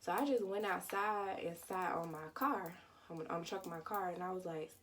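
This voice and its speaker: A young woman vlogger, telling a personal story in a candid, casual way with dark humor. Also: fairly low pitch, moderate pace, recorded from a distance, slight background noise.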